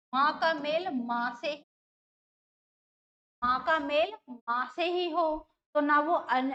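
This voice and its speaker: A woman's voice: high-pitched, bright, forceful tone, muffled recording. A woman teacher giving an exam-prep grammar lesson, explaining step by step, repeating terms and putting questions to her students.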